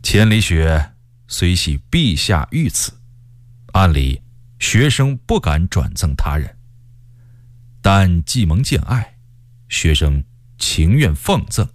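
A man's voice: low-pitched, sing-song, takes it slowly, long pauses, dry recording, pitched below the performer's own voice, heavily acted. A man voicing a proud, stubborn male army commander who speaks in a stern, scornful way. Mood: resolute. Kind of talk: storytelling character voice.

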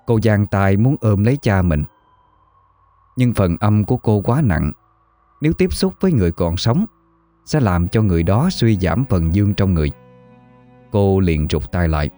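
A man narrating a ghost story in a steady, solemn storytelling voice. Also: on the low side, normal speed, pauses often, faint music behind.

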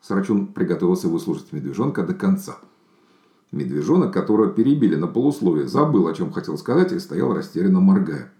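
A man reading a children's story aloud as narrator, in a calm, expressive manner. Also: low voice, quick pace, echoey room.

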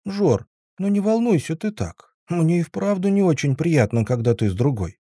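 Audiobook: petulant young female android, voiced by a man, high and tearful, whiny and sulking, husky edge. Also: sing-song, normal speed, mellow, no room sound, clean studio sound. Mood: coy. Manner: whiny, sobbing, sulky pleading. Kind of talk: audiobook character voice.

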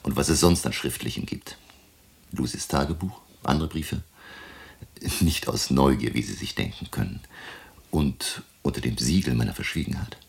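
An actor playing an elderly, eccentric professor in a German radio drama, emotional and courteous, theatrical and ruminative with rhetorical questions. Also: male voice, very deep voice, moderate pace, vocal fry, slightly rough, heavily acted. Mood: confiding, courteous. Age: older.

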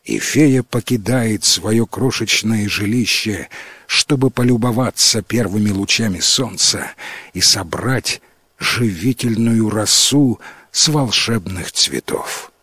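A man voicing an ancient, wise male forest spirit in a storybook reading, speaking slowly and solemnly. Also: lowish voice, breathy edge, no echo, exaggerated voice. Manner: slow, solemn, hushed.

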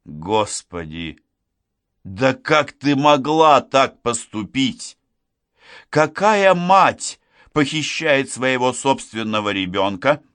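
A man reading an audiobook, voicing a furious, betrayed young woman who accuses and shouts at her friend. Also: mid-range voice, very animated, slow, dry recording, studio quality.

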